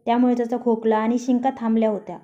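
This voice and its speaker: A woman narrating a story aloud in a steady, even reading voice. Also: a little high, racing. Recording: dull lo-fi recording.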